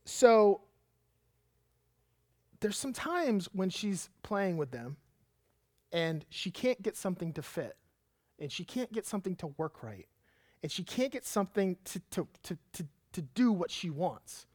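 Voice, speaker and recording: A man in his thirties, a pastor, preaching a sermon and telling a lively personal story with emphatic delivery. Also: sits high, a little slow, long pauses, no room sound.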